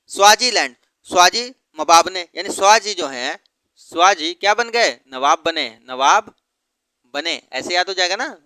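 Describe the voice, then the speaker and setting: A man's voice: high-pitched, pushed and bright, smooth, dry recording. A man teaching geography through memory tricks, asking questions and then answering them himself. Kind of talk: mnemonic geography lesson.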